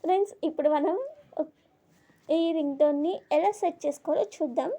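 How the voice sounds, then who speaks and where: A woman's voice: high-pitched, brisk, mellow. A woman hosting a casual phone tutorial, talking viewers through each step and repeating what the screen reader says. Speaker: tutorial host.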